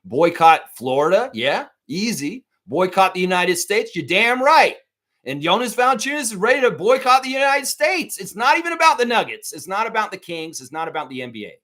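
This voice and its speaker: A man's voice: sits high, sing-song, a little fast, bright, forceful tone. A man hosting a live sports talk stream, ranting heatedly and swearing a lot while speaking straight to his viewers. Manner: profane, heated, repetitive ranting; addresses viewers directly.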